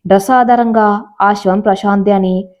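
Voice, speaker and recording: A woman narrating a scripted story in a plain, steady storytelling manner. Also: medium pitch, normal speed. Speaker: audiobook narrator. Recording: slightly dull lo-fi audio.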